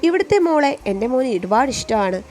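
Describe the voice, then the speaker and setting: A woman's voice: sits high, sing-song, fast, darkish tone. A woman voicing a humble middle-aged mother who comes to ask for a bride for her son, speaking politely and pleadingly. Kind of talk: storytelling voice acting.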